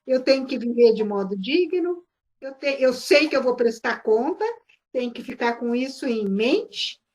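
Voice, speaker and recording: High-voiced woman in a class discussion. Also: moderate pace, darkish tone. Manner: hesitant, summarizing, polite. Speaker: class participant.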